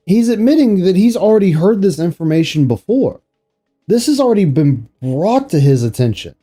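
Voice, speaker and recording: A man's voice: high-pitched, mellow. A man streaming, commenting sarcastically and incredulously on an interview clip he is playing. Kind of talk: reaction commentary.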